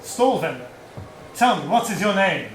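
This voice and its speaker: A man's voice: sits high, lively intonation, moderate pace, fairly bright tone, reverberant, a little hiss or hum, rough recording. A man improvising a pompous, devious adventurer with a grandiose, theatrical manner, live on stage. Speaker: improv comedian.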